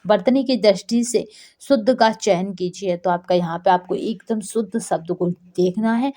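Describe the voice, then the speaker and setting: A woman's voice: medium pitch, normal speed, mellow. A woman teaching an exam-prep lesson, working through answers step by step and posing questions she answers herself. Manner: explains step by step, keeps asking and answering her own questions. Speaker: Hindi teacher.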